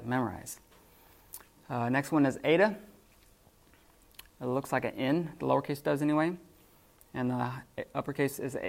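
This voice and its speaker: A man teaching a classroom lesson off the cuff, halting with many fillers and restarts. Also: medium pitch, gravelly. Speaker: Greek teacher.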